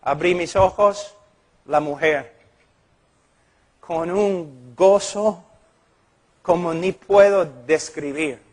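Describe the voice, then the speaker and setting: A man's voice: high voice, extremely slow, long pauses. A middle-aged man preaching an impassioned sermon as a pastor, earnest and emphatic as he tells a story.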